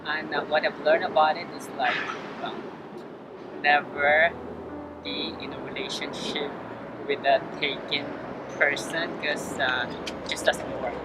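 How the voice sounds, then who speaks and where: A young woman from the Philippines answering interview questions outdoors, halting and full of fillers and restarts. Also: low voice, very noisy. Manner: hesitant, lots of fillers and restarts. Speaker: interview guest. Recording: music playing clearly behind.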